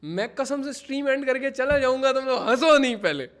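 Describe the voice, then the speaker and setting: A man's voice: very high-pitched, lively intonation, fairly quick, fairly bright tone. A young man livestreaming in casual chat, mixing English phrases into Hindi while he keeps pleading with his viewers to stop laughing. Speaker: livestreamer giving advice to chat.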